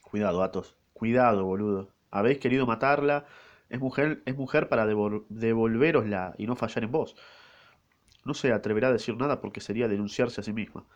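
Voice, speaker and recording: A man's voice: fairly low pitch, a little fast, lo-fi sound, close to an everyday voice. A man with an Argentine accent voicing a brash, panicked young swordsman who swears casually. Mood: agitated. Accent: Argentine Rioplatense Spanish. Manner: swears casually, uses vos.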